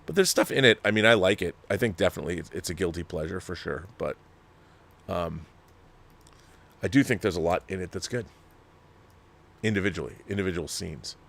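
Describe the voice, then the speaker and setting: Low-pitched, with vocal fry and a fairly bright tone, this male host offers casual, opinionated film commentary and reads letters from viewers. His delivery is rambling and emphatic, and he keeps breaking off mid-sentence to reword his thoughts.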